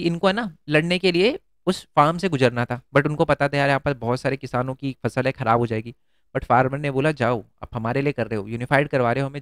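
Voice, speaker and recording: A man talks through an exam-prep lesson in a chatty, conversational way. He keeps asking the class questions and answering them himself. His voice sits a little high for a man and comes across smooth and crisp, recorded close and dry with no room sound. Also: dry recording. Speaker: teacher.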